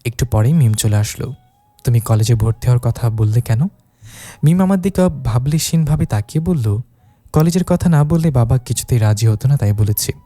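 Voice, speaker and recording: A man reading a romantic story in the first person, voicing every character and raising his pitch for the young wife. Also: normal speed, mellow, dry recording. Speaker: narrator. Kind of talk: scripted story narration with voiced dialogue.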